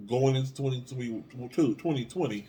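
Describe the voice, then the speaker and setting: A man's voice: medium pitch, moderate pace, warm tone. A man co-hosting a podcast in casual chat, playful and joking. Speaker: podcast co-host.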